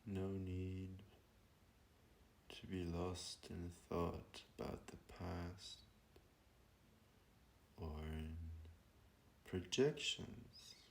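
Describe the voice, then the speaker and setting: A man leading a guided meditation, speaking calmly and softly with long pauses. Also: low-pitched, vocal fry, slight background noise. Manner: slow, calm and soft-spoken, with long pauses.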